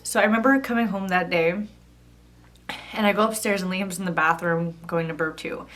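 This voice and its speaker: A thirty-year-old woman vlogs a personal story in a chatty, casual way, dropping "like" constantly. Her voice is lowish and fairly bright, her tone steady, and she talks a little fast.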